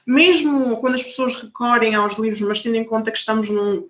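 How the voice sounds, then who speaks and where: A woman moderating an online panel debate in a measured, thoughtful way. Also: on the high side, fairly bright tone, lo-fi sound.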